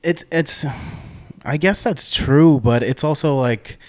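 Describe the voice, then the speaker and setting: A podcast co-host in relaxed conversation, answering bluntly and swearing in disbelief. The voice sits lower and a little distant. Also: takes it slowly. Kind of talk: casual chat.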